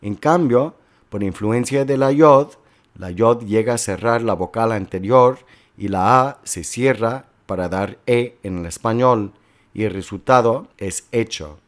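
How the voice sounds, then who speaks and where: A man lecturing slowly and carefully, working step by step through examples as a teacher. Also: fairly low pitch. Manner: slow, careful, explanatory delivery with worked examples. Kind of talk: recorded lecture on historical linguistics.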